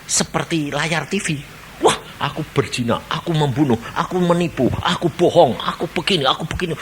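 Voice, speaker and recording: A man voicing a pleading sinful man facing judgment, with a high, protesting tone. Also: fairly quick, noisy background, lightly acted. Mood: dismayed.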